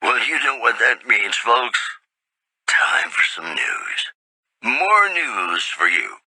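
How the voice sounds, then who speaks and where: A man's voice: lowish voice, wildly swooping pitch, slow, pushed and bright, breathy edge, no room sound, full character voice, poor audio. A man playing a suave, folksy radio newsman in a post-apocalyptic game, reading an old-time newscast with a wry, intimate showman's delivery. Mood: folksy, playful. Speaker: radio news presenter.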